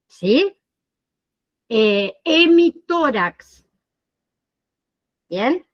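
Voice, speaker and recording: Female nursing instructor, online lecture, higher voice, muffled lo-fi audio. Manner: explains slowly, checks understanding with frequent "¿sí?" and "¿bien?".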